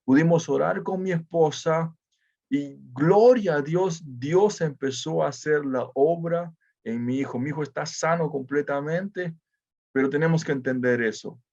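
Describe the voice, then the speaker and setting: A man's voice: a little high, unhurried, vocal fry, a little mellow, dull audio. A man preaching a devotional sermon, earnest and driving his points home by repeating phrases.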